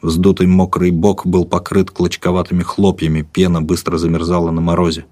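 A man reads a dark tale aloud in a measured, vivid way, lingering on rhythmic lists. His voice sits low and carries a husky grain. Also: little pitch movement. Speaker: narrator. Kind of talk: dramatic audiobook narration.

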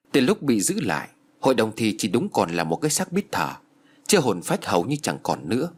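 Low, husky male storyteller. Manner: expressive storytelling. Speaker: audiobook narrator. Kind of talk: scripted narration of a ghost story.

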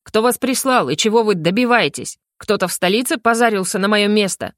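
A woman reading an audiobook plays a tired, suspicious older male rector shouting accusations. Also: mid-range voice, fairly even intonation, fairly quick, no room sound, studio quality, natural voice. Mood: angry.

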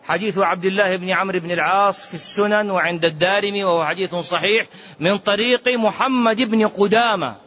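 A man with a high-pitched voice delivers a religious lecture, pressing his points with colloquial rhetorical questions and repeated words. He chants quoted sayings in a slow sing-song and drops into quiet muttered asides. The recording sounds dull and lo-fi. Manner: animated, swings from loud emphasis to low muttering asides. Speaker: Islamic scholar giving fatwas.

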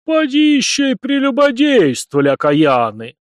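A stern old village priest, voiced by a man booms his rebukes in slow, drawn-out exclamations. The voice sits a touch above his usual pitch, heavy with reproach. The audiobook sound is dry and close. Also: lively intonation, no room sound, lightly acted. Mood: scolding.

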